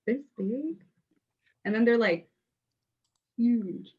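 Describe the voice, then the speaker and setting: A woman's voice: on the high side, animated, drawn-out words, slightly rough, highs cut off. A woman co-hosting a trivia webinar, amused and chatty on a video call. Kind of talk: casual chat.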